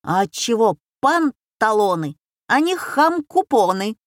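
A woman's voice: a little high, very animated, no room sound, studio quality, pitched above the performer's own voice. A woman voicing a cheeky schoolboy who pesters the family with pun questions. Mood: pestering. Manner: insistent, rapid-fire questioning.

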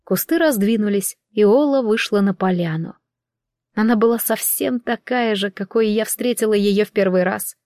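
Lady reading a fantasy audiobook, wry and even, dry close mic. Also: medium pitch, normal speed, dry recording. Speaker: audiobook reader. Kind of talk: first-person fantasy audiobook narration.

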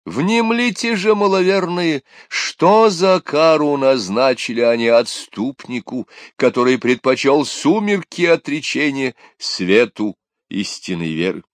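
A man voicing a zealous male temple priest who preaches to a crowd in a solemn, booming, drawn-out manner. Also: expressive, dry recording, natural voice. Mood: solemn, thundering.

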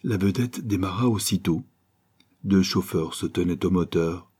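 A man narrating an adventure novel aloud in a measured, even reading. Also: low voice, husky. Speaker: audiobook narrator. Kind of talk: scripted narration.

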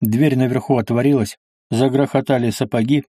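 Male audiobook narrator, steady dramatic read, dark dry voice. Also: mid-range voice, fairly quick, husky, no room sound.

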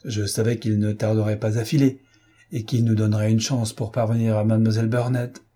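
Confident police inspector, voiced by a man, brisk, dark husky tone. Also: on the low side, level tone. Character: pleased, self-assured male police inspector.

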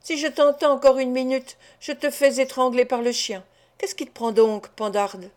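A woman reading the part of a brutal, gruff male robber, in a loud, harsh and bullying way, for an audiobook. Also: high-pitched, fairly even intonation, normal speed, lightly acted. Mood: angry.

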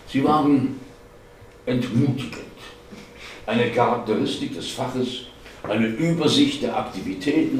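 A man reading aloud from a novel in a measured way. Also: on the low side, darkish tone, a little hiss or hum. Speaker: reader. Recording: echoey hall, distant mic.

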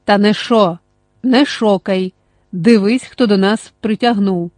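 Hearty older cossack man as a woman reads him, loud warm calls, storybook. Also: mid-range voice, slow, no echo, studio quality, lightly acted. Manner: calls out warmly, excited exclamations.

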